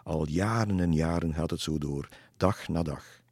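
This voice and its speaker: A man reading a children's story aloud as narrator, calm and measured. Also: rumbling low, dry recording, clean studio sound.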